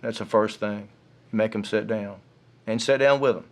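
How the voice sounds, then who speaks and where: A man's voice: on the low side, steady tone, moderate pace. A man who worked as a homicide detective explaining his work in a plain, matter-of-fact way, often repeating words. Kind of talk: interview.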